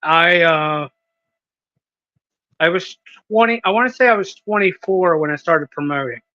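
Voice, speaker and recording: Guy in his 30s, promoter, lots of ums, bright tense voice, dry lo-fi sound. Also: a little high, a little slow, no echo. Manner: hesitant, many ums and restarts. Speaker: wrestling promoter. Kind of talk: casual podcast interview.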